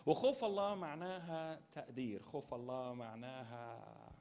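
A man's voice: mid-range voice, normal speed, a little mellow. A male pastor with an Egyptian Arabic accent preaching a sermon at a church conference. He repeats key phrases for emphasis and asks the congregation rhetorical questions.

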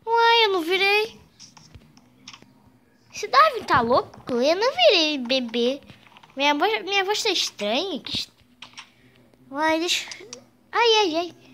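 A young man voicing Gumball, a mischievous cartoon boy who has turned into a baby, in an excitable, exclaiming Minecraft role-play. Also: very high-pitched, slow, pauses often, a little hiss or hum, heavily acted. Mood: alarmed.

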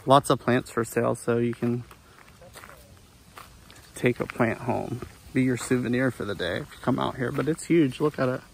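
A man in his thirties vlogs casually outdoors at a farm nursery, holding his phone at arm's length to film himself. His mid-range voice is gravelly and steady, at a normal speed, with frequent pauses. Faint outdoor noise sits in the background.

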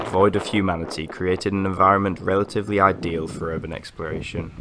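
A man reading a scripted documentary voice-over in a measured, formal way. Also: low voice, fairly bright tone, a little hiss or hum. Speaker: channel narrator.

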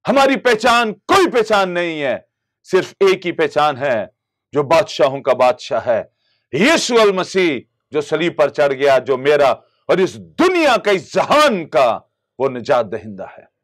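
A man's voice: a little high, big pitch swings, unhurried, a bit bright. A middle-aged man from Pakistan, a pastor preaching a televised sermon in a studio on a lapel mic, with impassioned emphasis that rises and falls. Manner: gestures constantly with both hands.

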